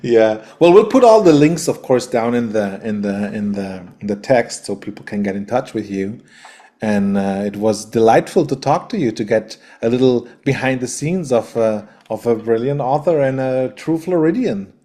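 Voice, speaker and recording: A man hosting a casual interview, speaking in a friendly, halting way and often repeating words. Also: medium pitch, expressive, mellow. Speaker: interview host.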